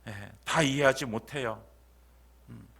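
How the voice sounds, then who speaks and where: A man's voice: mid-range voice, a little slow, creaky, fairly bright tone. A male pastor preaching a sermon at a church service, who poses rhetorical questions to the congregation and repeats key phrases.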